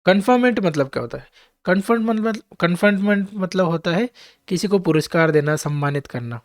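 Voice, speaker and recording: A man's voice: high-pitched, expressive, brisk, dry recording, studio quality. A man teaching English vocabulary to exam students, spelling each word out letter by letter and checking in with his listeners.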